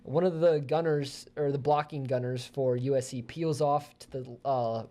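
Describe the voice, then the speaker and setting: A young man co-hosting a casual sports talk show, chatty and quick with game recaps. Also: mid-range voice, fairly even intonation, mellow. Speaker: co-host.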